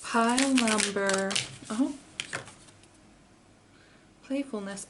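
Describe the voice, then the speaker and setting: Against a noisy background, a woman from Finland offers a pick-a-card tarot reading in her second language, English. Her voice is on the high side and accented, soft and earnest, and she proceeds slowly, frequently backing up to rephrase.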